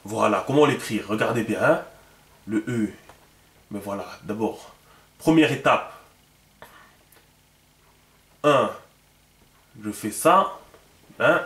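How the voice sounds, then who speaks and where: A man's voice: fairly low pitch, slow pace, long pauses, a bit bright, roomy sound. A man giving a casual video lesson on writing symbols, chatty and full of fillers, often repeating himself as he explains. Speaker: teacher.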